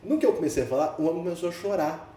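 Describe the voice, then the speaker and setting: A man's voice: on the high side, animated, racing, a crowd in the background. A man with a Brazilian Portuguese accent, a podcast guest telling a story with energy, acting out the dialogue and laughing often. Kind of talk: animated storytelling. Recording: echoey room, mic at a distance, faint background hiss.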